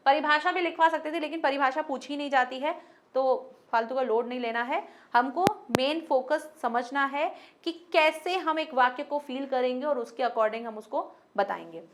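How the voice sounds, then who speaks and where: High-voiced woman teaching Hindi grammar. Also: fairly bright tone. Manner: explains with everyday example sentences, talks directly to students; mixes English words into Hindi. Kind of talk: online grammar lesson.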